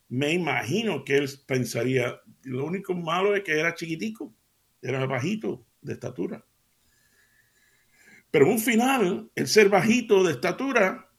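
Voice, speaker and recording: Male preacher, gravelly, casual joking sermon delivery. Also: fairly high pitch, a bit bright. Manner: chatty storytelling, laughs at own jokes. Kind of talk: conversational sermon with anecdotes.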